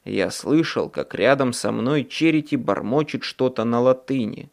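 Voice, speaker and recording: Expressive male audiobook narrator. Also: mid-range voice, unhurried, creaky. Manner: dramatic, expressive reading. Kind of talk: first-person audiobook narration.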